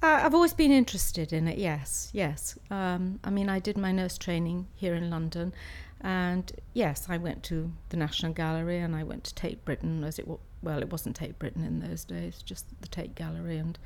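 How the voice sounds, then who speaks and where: A woman's voice: on the low side, moderate pace, hardly any pauses. A woman, answering interview questions conversationally and somewhat hesitantly. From Swansea, South Wales. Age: 60s. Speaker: interviewee, art student and practising artist.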